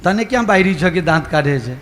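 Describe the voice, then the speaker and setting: A man's voice: high voice, lively intonation, quick pace, a bit bright. A man telling a folksy devotional story with a Gujarati accent, acting out the characters' lines as he goes. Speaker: religious storyteller. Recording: long hall reverb with music.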